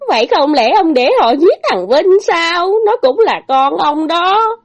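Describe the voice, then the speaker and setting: A woman doing a shrill scheming stepmother. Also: animated, measured pace, soft background music, heavily acted. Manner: shrill, insistent, quarrelsome.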